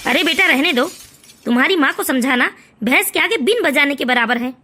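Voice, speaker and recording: Older father-in-law voiced by a woman, high pitch, bright tone, blunt, scolding, cartoon story. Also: animated, fairly quick. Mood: exasperated. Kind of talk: animated storytelling voice acting.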